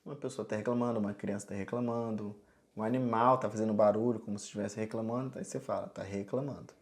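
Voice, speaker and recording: A man's voice: on the low side, fairly even intonation, quick pace, slight background noise. A man from Brazil giving a casual sign language lesson, explaining step by step and often checking in with the viewer. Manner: chatty, explains step by step, frequent "tá bom?" check-ins.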